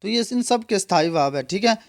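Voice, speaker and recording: A man's voice: sits high, lively intonation, a little fast, gravelly. A man teaching an exam preparation lesson, explaining step by step and asking and answering his own questions.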